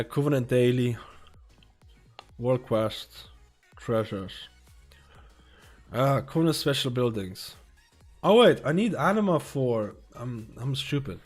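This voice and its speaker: On a live stream, a man reads a guide and viewers' questions aloud in a halting, casual manner, slipping into asides as his voice gives out. His pitch is medium and his tone slightly mellow.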